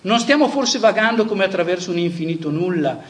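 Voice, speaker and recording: A man's voice: sits high, animated, fairly quick, pitched above the performer's own voice. A man reading aloud the lines of a frantic madman who cries out to a crowd, in a raised, impassioned voice.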